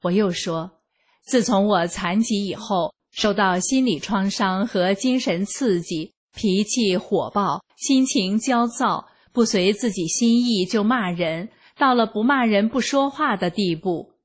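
A woman narrates a personal testimony in a slow, deliberate reading. Her voice is soft and breathy, with an earnest, measured delivery. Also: medium pitch. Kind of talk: scripted first-person narration.

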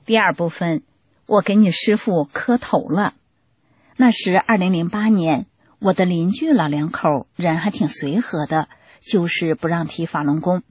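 A woman reads out a scripted testimony. Her voice is low-pitched, husky and breathy, and the dry, close recording has no room sound. She keeps a steady, plain storytelling manner. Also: dry recording.

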